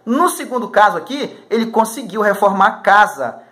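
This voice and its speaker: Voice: mid-range voice, sing-song, normal speed, bright, forceful tone. Slangy teacher. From Macapá, Brazil. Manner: casual, slangy, keeps checking in with students. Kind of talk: recorded math lesson for exam prep.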